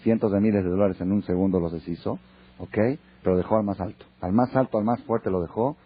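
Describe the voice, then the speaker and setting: A man with a Mexican accent, a rabbi teaching a Torah class in a lively storytelling way. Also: fairly low pitch, brisk, slightly rough. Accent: Mexican Spanish. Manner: lively, acts out dialogue. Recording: dull lo-fi recording.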